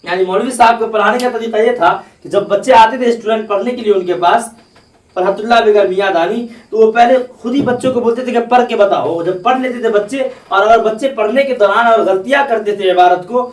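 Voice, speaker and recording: High-voiced male tutor, far and echoey. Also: a little fast. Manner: repetitive, explains each line again. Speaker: Urdu teacher. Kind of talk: explaining exam answers. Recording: roomy, from a distance.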